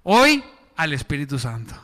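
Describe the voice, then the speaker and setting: A man preaching a lively evangelical sermon, emphatic with joking asides. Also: on the high side, normal speed. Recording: echoey church hall.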